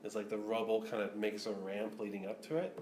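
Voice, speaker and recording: Low-voiced man running a tabletop game. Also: little pitch movement, brisk, a little mellow. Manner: hesitant, full of ums and restarts. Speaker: game master. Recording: noisy echoey room.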